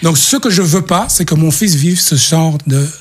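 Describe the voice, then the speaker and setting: Casting note: middle-aged man, husky, slightly high voice, earnest guest who stumbles and repeats words. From Belgium. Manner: halting, repeats words while searching for them. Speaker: guest, association representative. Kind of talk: earnest testimony in a talk show interview.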